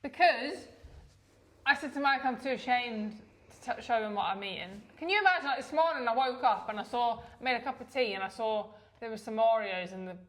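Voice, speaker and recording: A woman's voice: a little high, fairly quick, a bit bright. A woman in her thirties co-hosting a podcast, chatting casually, self-deprecating and laughing often. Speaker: podcast co-host. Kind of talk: casual chat.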